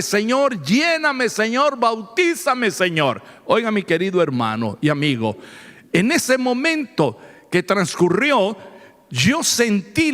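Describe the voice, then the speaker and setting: Male pastor, fervent preaching, high voice, lively swooping pitch, echoing church hall. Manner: fervent, dramatic retelling with rising shouts; addresses the congregation directly. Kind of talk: sermon testimony. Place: church sanctuary. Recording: long reverb of a church hall.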